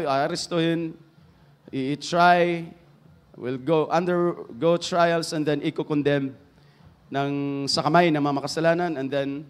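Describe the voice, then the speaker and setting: A man with a Filipino accent preaching a sermon, switching between Filipino and English, swinging from loud emphatic phrases down to hushed, low passages. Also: clean tone. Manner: mixes English into Filipino, rising to loud emphasis then dropping to hushed tones.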